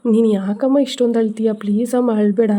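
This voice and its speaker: A woman's voice: on the high side, steady tone, quick pace, warm tone, close to an everyday voice. A woman voicing a young daughter who comforts her mother in a soothing, pleading way.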